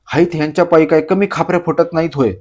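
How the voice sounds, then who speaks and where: Man reads an elderly village headman, sharp and loud, storybook telling. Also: fairly high pitch, steady tone, pitched above the performer's own voice, close to an everyday voice. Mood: scolding. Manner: loud rustic scolding, drawn-out rebukes. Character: shrewd elderly male village headman, scolding.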